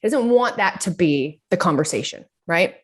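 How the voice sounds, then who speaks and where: A woman's voice: fairly low pitch, expressive, normal speed. A woman from Utah co-hosting a podcast, telling rambling stories full of fillers and bursts of laughter. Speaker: podcast co-host. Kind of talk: casual chat.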